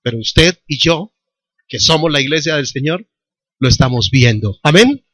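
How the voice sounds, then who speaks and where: A man's voice: on the high side, expressive, moderate pace, no room sound. A male pastor with a Colombian accent preaching a sermon, telling a personal story and then calling out questions to the congregation. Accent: Colombian Spanish. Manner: testimony told with quoted dialogue, rising to fervent call-and-response. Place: church hall. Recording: church recording with loud worship music.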